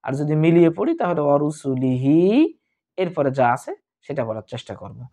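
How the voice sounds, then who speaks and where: A man teaching Quran recitation in a Bangladeshi Bengali accent, chanting each word slowly and repeating it, then explaining quickly. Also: a little high, lively intonation, mellow. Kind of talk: slow recitation lesson with quick spoken explanations.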